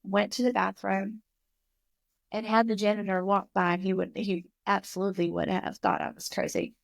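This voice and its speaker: A woman in her fifties, a podcast guest, telling a personal story in an animated, emotional way. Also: mid-range voice, moderate pace, creaky, no room sound. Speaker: guest, recovery school founder.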